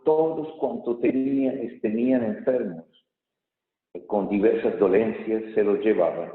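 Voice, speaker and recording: A priest whose voice sits on the low side reads the Gospel and preaches a homily at Mass, measured and thoughtful, pausing and using fillers. His words echo through a large church hall, captured with a tinny sound like a telephone.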